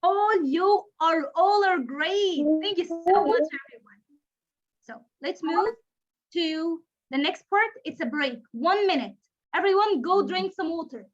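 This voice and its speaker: A woman who speaks natively teaches a kindergarten class over a video call, her voice pitched very high and her delivery unhurried. She praises and coaxes in a sing-song manner. The lo-fi call audio sounds dull. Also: lively intonation.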